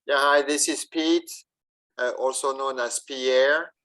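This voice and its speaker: A man volunteering as an usher, asking wry, deliberate questions in a casual meeting. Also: medium pitch, fairly even intonation, fairly bright tone, rough recording. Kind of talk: casual Q&A on a video call.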